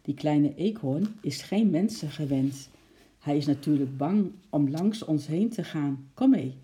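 A reader playing a calm, thoughtful father from a children's storybook, in a dark, mellow voice. He speaks in a measured, gentle way, with an even middle pitch. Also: close to an everyday voice. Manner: measured, soft-spoken. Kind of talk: storybook read-aloud.

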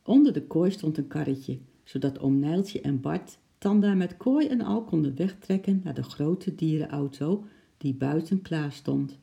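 A narrator reading a children's storybook aloud in a steady, expressive way. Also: mid-range voice, unhurried, vocal fry.

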